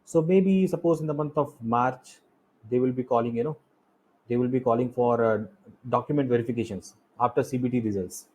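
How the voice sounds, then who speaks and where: This Indian-accented instructor talks briskly in a medium-pitched voice with a darkish tone, captured on a low-quality recording. Lecturing over slides for a coaching class, he repeats the main points and asks rhetorical questions.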